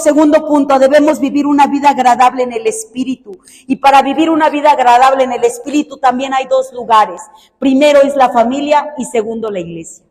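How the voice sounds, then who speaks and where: A woman preaching a sermon with fervour, dropping soft and then rising to shouts. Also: high-pitched. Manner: fervent, swings from soft to shouted emphasis. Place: large church hall. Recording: echoey church hall.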